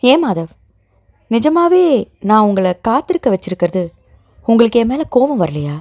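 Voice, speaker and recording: A woman's voice: a little high, very animated, moderate pace, a little mellow, no room sound, studio quality. A woman voicing a young woman in love who speaks with pleading emotion. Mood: sorrowful. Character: young woman, tearful guilt-ridden heroine.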